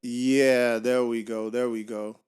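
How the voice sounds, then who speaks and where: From his home garage, this Miami man hosts a relaxed podcast interview via video call, hesitating with frequent fillers and restarts. His mid-range voice is clean and a little mellow, with little pitch movement and a slow pace.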